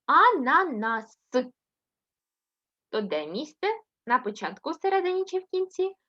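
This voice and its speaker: A Ukrainian woman teaching young children to read in a remote lesson, sounding out syllables slowly and checking in with "right?", praising her pupils fondly. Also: high voice, sing-song, highs cut off. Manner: slow, sing-song syllable-by-syllable reading with frequent "так?" checks. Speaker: first-grade teacher.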